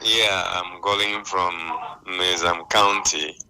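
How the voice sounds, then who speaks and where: A man's voice: sits low, steady tone, slow, bright, forceful tone, clean tone, low-quality recording. A man phoning in to a talk show, speaking hesitantly with fillers. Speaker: caller. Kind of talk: phone-in call.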